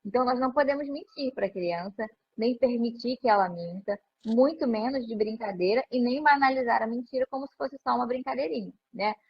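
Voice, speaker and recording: A woman's voice: a little high, fairly quick, few pauses, a little hiss or hum. A woman, a mother talking conversationally about parenting in a live stream, often adding "né?". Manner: conversational, frequent "né?" tag questions. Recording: muffled lo-fi stream audio.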